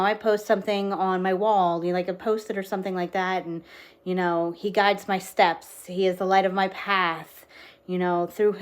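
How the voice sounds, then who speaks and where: Woman, faith content creator, mid-pitched voice; casual, earnest devotional chat full of fillers. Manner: chatty and earnest, many fillers. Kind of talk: casual devotional talk to camera.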